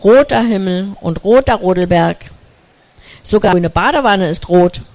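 A storyteller voicing an impatient, excitable young female snowy owl in a children's story, with eager exclamations. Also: a little slow. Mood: excited. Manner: eager, exclaiming, high and bright. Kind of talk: storybook reading.

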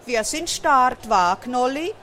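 A woman's voice: high voice, slow, faint music behind, exaggerated voice. A woman doing Berti, a boastful guinea pig. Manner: bold, excitable. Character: eager boastful young male guinea pig. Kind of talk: read-aloud storybook.

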